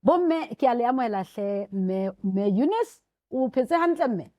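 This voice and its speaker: Woman, South African Sotho accent, talk show host, soft mellow tone, dry close sound. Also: on the high side, lively intonation, moderate pace, no echo. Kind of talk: broadcast presenting and interviewing.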